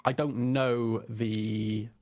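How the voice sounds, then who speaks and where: A man's voice: lowish voice, little pitch movement, very slow, darkish tone. A man who is a guest on a casual gaming podcast, talking in a plain, earnest way.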